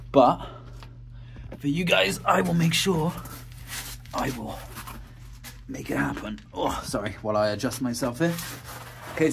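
With a little hiss or hum behind his mid-range voice, a man gives a casual vlog tour of his home heating system from a cramped crawl space and utility room. He's out of breath after crawling and talks in a rambling, practical way, full of ums and uhs.

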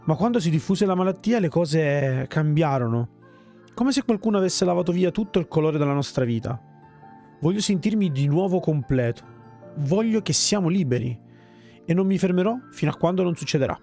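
A man's voice: a little high, expressive, brisk, mellow. A man voicing a worried village mayor from a fantasy game, reading his lines earnestly over game music.

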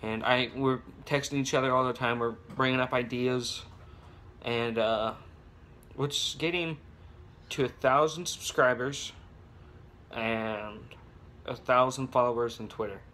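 A young man talks to his phone camera at home in a loose, rambling vlog, restarting his sentences and leaning on fillers. His voice sits at an ordinary middle pitch. A faint hum of noise runs under the recording. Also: fairly even intonation, unhurried, pushed and bright. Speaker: vlogger. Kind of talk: casual vlog. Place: home with babies heard nearby.

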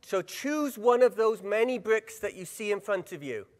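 In a large hall with lingering reverb, a Welsh man of middle age presents a workshop at a conference. His somewhat high voice moves at an ordinary pace, and he stays energetic and engaging, often turning questions to the crowd.

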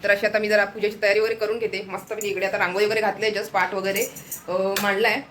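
Fasting has left this vlogger low-voiced as she talks fast and casually to the camera in her home vlog, pausing sometimes to coo to her pet. Her mid-range voice is level and a bit bright, with a little hiss or hum in the recording.

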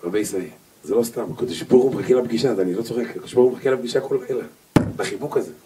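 Rabbi delivering a playful sermon with comic bits; mid-pitched man, recorded from afar with hiss behind. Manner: jokey, acts out little scenes and voices. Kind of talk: humorous Torah lecture. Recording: distant mic with noticeable noise.

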